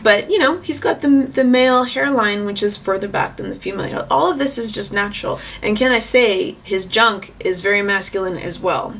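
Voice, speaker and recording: Young adult woman, candid vlogger, gravelly fry, faint background hiss. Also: medium pitch, moderate pace, few pauses, a bit bright. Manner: frank, chatty, with bursts of laughter. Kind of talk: casual candid vlog monologue.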